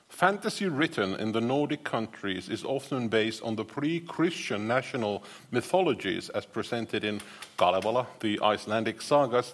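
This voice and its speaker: A man moderating a panel discussion in a wry, self-mocking, joking way. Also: medium pitch. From Finland.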